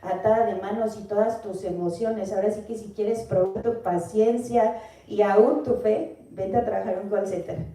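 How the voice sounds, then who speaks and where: A woman's voice: medium pitch, mellow. A woman from Mexico with a Mexican Spanish accent, giving an earnest Bible teaching and asking the listener questions. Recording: echoey room, voice from far off.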